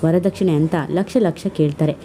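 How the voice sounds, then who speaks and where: A woman's voice: low-pitched, fairly even intonation, fairly quick, mellow, a little hiss or hum, natural voice. A woman narrator voicing a middle-aged father who speaks sternly and pleadingly.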